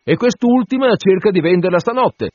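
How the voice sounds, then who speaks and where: A man's voice: high-pitched, expressive, normal speed, a little mellow, no echo, pitched above the performer's own voice. A man voicing a teasing, mocking innkeeper who drawls with amusement, in a storybook reading. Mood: reassuring. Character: teasing middle-aged male innkeeper, sly and mocking. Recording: dull lo-fi dry recording.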